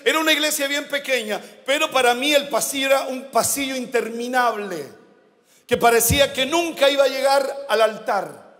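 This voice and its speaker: Man, pastor, fervent sermon, very high voice, echoing hall. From Chile. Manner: impassioned preaching, shouting and slowing for emphasis. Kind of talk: sermon, personal testimony. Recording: long echo of a large hall.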